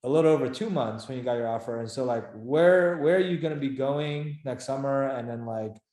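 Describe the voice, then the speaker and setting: A man who founded a career coaching program hosts a relaxed video-call interview, talking a little fast in a medium-pitched, darkish voice. The room sounds echoey, and his loose, chatty speech is packed with fillers.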